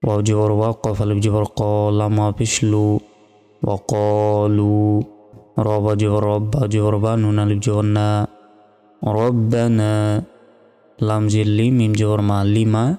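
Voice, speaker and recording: A man teaching Quran reading, spelling out each Arabic letter and vowel mark slowly and carefully. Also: fairly low pitch, completely flat delivery, dark tone, smooth. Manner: slow, measured letter-by-letter spelling. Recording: long hall reverb with faint music.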